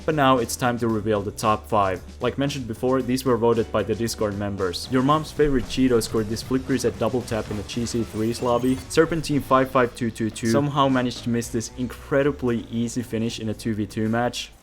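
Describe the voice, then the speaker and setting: A man's voice: mid-range voice, brisk, hardly any pauses, soft background music. A man hosting a gaming video, talking casually with joking, self-mocking asides. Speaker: gaming YouTuber host.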